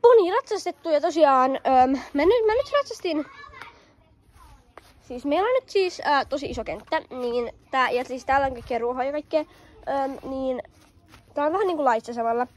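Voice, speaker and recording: A woman's voice: sits high, lively intonation, darkish tone, a little hiss or hum. A young woman vlogging outdoors on a field with a handheld camera, chatting casually with many fillers and calling out commands. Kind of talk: casual hobby-horse riding vlog.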